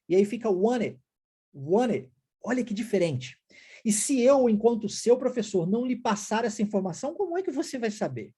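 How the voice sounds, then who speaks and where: A woman's voice: a little high, mellow, husky. A woman with a Brazilian Portuguese accent teaching an English lesson, explaining step by step and often checking in with the learner. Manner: explanatory, repeats example words, frequent "né?" and "tá?" checks. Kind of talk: recorded language lesson.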